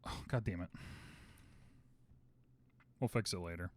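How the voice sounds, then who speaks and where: A man's voice: deep voice, measured pace, darkish tone, a little hiss or hum. A man streaming a roleplay game, chatting casually with his viewers, exclaiming and swearing at the chaos. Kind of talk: casual out-of-character chat with viewers.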